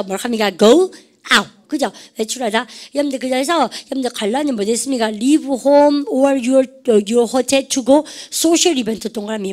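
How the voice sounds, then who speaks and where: A woman teaching an English vocabulary lesson, leading call-and-response drills and constantly addressing her students. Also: sits high. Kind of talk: lively classroom-style vocabulary lesson.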